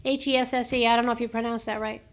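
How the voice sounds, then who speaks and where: An American woman with a high-pitched voice hosts a casual book show. She reads aloud haltingly from her notes and books, chatting and laughing at herself as she goes. Her throat sounds slightly sore. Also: flat delivery. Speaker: host of a book review show.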